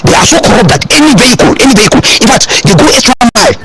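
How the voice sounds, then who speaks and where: A man's voice: extremely high pitch, lively intonation, rapid-fire, very noisy. A man with a Nigerian English accent, heard as a recorded voice note played on a call-in show, speaking emphatically and with complaint. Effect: recorded voice note played on air. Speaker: listener sending a voice note. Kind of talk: call-in opinion message.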